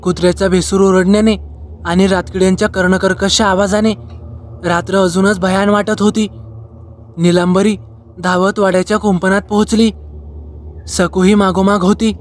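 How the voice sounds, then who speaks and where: High, level-voiced male storyteller. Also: level tone. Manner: slow measured phrasing in short lines. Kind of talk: scripted horror narration.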